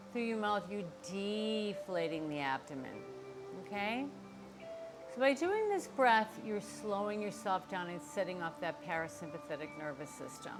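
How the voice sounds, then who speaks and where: An older woman leads a yoga class in a fairly high voice. She explains each step in an encouraging way, speaking straight to viewers. Music plays clearly behind her. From Boston area, United States. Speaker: yoga instructor. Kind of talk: instructional class talk to viewers.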